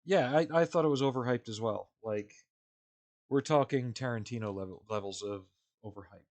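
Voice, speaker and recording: A man talks to his live stream viewers from home as he works on a model kit. His speech is relaxed and meandering, scattered with fillers and soft chuckles. His voice sits at an everyday, middle pitch. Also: normal speed. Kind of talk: casual chat with a live stream audience.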